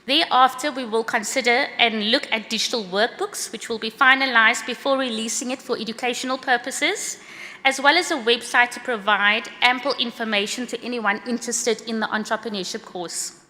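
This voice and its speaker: South african woman presenting at a conference, bright fairly high voice, quick earnest delivery, big hall echo. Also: fairly even intonation. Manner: brisk, earnest, slightly read-out delivery. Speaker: course creator presenting at a conference. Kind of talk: prepared conference talk. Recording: long hall reverb.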